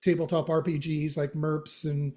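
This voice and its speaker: A man's voice: on the high side, level tone, normal speed, warm tone. A middle-aged man from Western Canada with a slight Canadian accent, chatting as a podcast guest with many fillers, restarts and joking asides. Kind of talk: casual interview chat.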